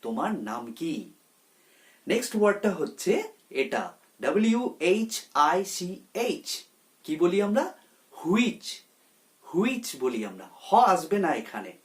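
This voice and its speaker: A man teaching a pronunciation lesson, repeating each word slowly and explaining it step by step. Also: high voice, very animated. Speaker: English tutor.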